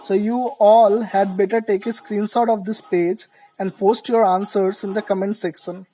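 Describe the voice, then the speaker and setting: Woman going through word roots slow and careful, like a class video. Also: medium pitch, fairly even intonation, dark tone, poor audio. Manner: slow, deliberate explanations. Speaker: English teacher. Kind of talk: vocabulary lesson.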